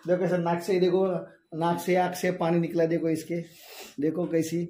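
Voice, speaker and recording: A man's voice: on the high side, little pitch movement, normal speed, dark tone. A man in his thirties at home teasing his wife on camera, saying the same things over and over in a mocking way. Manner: teasing, repeats himself mockingly. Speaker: vlogger's husband. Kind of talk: teasing banter. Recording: echoey home room with faint noise.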